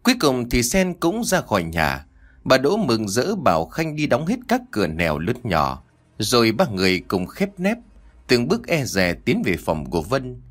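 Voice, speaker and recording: A man's voice: mid-range voice, wildly swooping pitch, moderate pace. A man narrating an audiobook story with a dramatic storytelling delivery.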